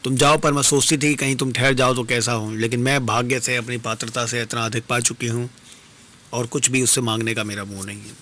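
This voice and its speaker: A man's voice: mid-range voice, level tone, a little fast, pushed and bright, slight background noise, close to an everyday voice. A man performing dastangoi, voicing a grieving young queen who pleads with and laments to her departing lover in formal, literary speech. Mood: resigned. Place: radio studio.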